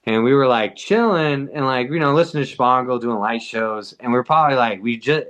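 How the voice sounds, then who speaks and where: A man from the US–Mexico border region tells a story on a podcast. His voice sits at a middle pitch. His delivery is loose and slangy, packed with fillers and swearing. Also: brisk, a bit bright. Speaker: podcast guest. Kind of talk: casual storytelling.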